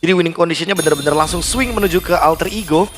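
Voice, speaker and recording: High-voiced, quick Indonesian male esports analyst. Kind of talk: analytical live esports commentary. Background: music.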